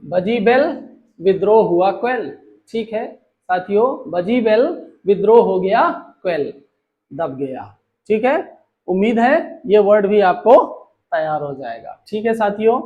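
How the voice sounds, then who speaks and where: A man's voice: high-pitched, lively intonation, narrow, tinny audio. A man teaching English vocabulary to a class, drawing out words and repeating questions back to the students, with playful memory jokes. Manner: drawn-out repetitive teaching, asking the class back.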